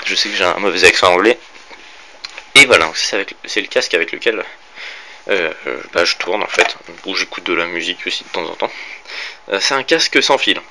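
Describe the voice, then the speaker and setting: With a deep voice and vocal fry, this young French YouTuber from near Orléans wanders casually through a tour of his bedroom and gear. He holds the phone himself while filming, filling his talk with fillers and self-corrections, over a faint hiss from the cheap phone.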